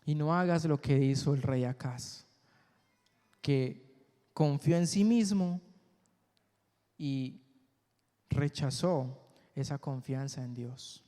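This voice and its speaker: Pastor guy preaching slow, lots of "what?" questions to the crowd, big church echo. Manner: call-and-response questions to the congregation; dramatic swings between loud high peaks and soft low endings. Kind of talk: sermon. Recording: long church hall reverb.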